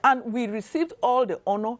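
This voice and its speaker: Measured Cameroonian woman on a panel. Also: a little high. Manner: measured, recounting. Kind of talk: studio panel discussion.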